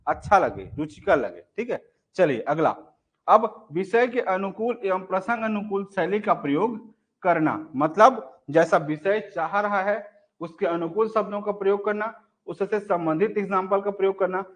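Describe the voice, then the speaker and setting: A man's voice: high voice, animated, moderate pace. A young adult man teaching an online exam-prep class. He keeps asking rhetorical questions to check understanding and acts out example phrases.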